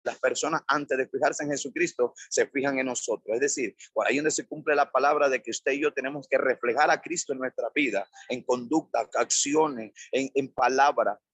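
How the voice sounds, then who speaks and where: A man's voice: mid-range voice, moderate pace, hardly any pauses, fairly bright tone, breathy edge, no room sound. A male pastor preaching a sermon, repeating phrases in emphatic lists.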